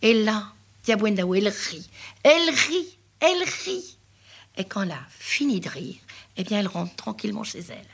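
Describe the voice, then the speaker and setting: A woman storyteller telling a folk tale in a rhythmic, repetitive way, dropping often into hushed whispers. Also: mid-range voice, fairly even intonation, a little fast, creaky, husky.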